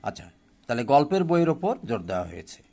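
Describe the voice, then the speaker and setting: A man teaching an English lesson, reading English phrases slowly and then explaining them in Bengali. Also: medium pitch, sing-song, vocal fry, dark tone.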